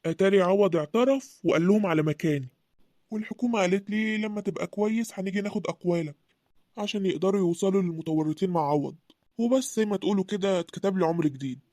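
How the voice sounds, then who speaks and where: A voice actor playing a gentle young husband who speaks Egyptian Arabic in a calm, earnest storytelling voice. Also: medium pitch, quick pace, dry recording, studio quality, natural voice. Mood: recounting.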